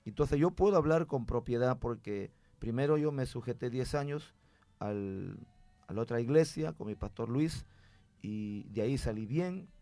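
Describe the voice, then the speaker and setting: A man's voice: medium pitch, normal speed, warm tone, no room sound. A man, a pastor sharing his experience in an earnest, chatty way. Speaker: pastor, guest. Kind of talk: conversational testimony.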